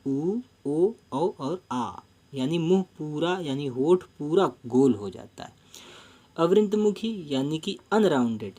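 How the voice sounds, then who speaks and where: A man teaching a Hindi grammar lesson for exam preparation, explaining each term slowly, repeating himself and often calling the viewers friends. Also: on the high side, warm tone.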